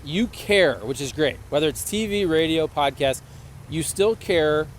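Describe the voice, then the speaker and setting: A man in his late thirties co-hosting a podcast in relaxed, chatty conversation. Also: a little high, measured pace, a little hiss or hum. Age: 30s. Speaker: podcast co-host. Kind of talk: casual chat.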